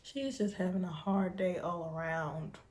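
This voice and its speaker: A woman's voice: fairly low pitch, fairly even intonation, a little slow, darkish tone. A woman with an American accent giving colloquial, casual reaction commentary as she talks back to the screen. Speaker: reaction show host.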